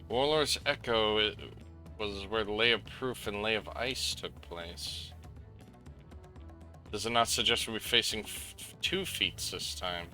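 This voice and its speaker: A man with a low, very sharp and tense voice reads game dialogue aloud on a live stream, stumbling over odd names and cursing at them. Quiet game music plays behind him. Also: measured pace. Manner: reads story text aloud, stumbling over names, swearing between lines.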